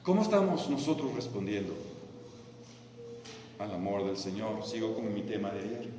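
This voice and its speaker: A man's voice: animated, normal speed. Impassioned preacher man, echoing hall. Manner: swings from soft low phrases to loud impassioned peaks. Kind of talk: sermon. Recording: echoey hall, distant mic, faint ambient noise.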